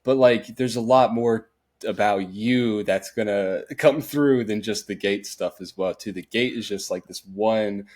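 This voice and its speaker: A young man with a lowish, slightly mellow voice and measured pace hosts a podcast. His casual chat rambles in a laid-back way, packed with fillers like "like" and "uh."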